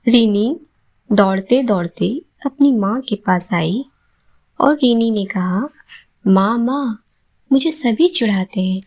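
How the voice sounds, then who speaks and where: A woman reading a children's story aloud, keeping narration and dialogue in the same flat tone. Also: fairly high pitch, slow. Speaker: voiceover student.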